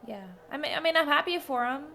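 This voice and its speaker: Female player with gravelly fry, steady background noise. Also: sits high, fast talker. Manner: quippy, soft-spoken in character. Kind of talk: role-playing a character.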